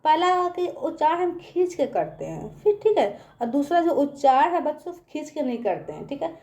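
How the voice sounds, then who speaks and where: A woman's voice: high-pitched, big pitch swings, moderate pace, darkish tone. A woman teaching young children in a patient online lesson, asking them questions and repeating herself often.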